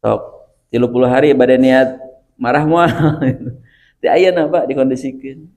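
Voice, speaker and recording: Sundanese-accented male preacher, raspy fry, warm dark voice, talks straight to the congregation. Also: medium pitch, moderate pace. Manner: chatty, laughs often, addresses listeners directly. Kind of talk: religious study talk.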